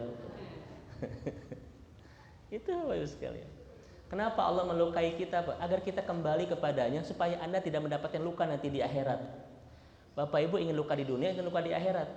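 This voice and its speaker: A man's voice: mid-range voice, darkish tone, muffled recording, slight background noise. Man preaching in an echoey hall. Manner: addresses congregation constantly with "Pak" and "Bu"; asks the audience rhetorical questions. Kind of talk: sermon. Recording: echoey hall, faint ambience.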